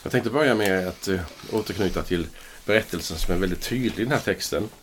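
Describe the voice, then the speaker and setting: A man, a priest hosting a podcast, reads scripture slowly and with measure, then muses thoughtfully in a casual Bible discussion. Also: sits low, a little hiss or hum. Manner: slow, measured reading, then thoughtful musing.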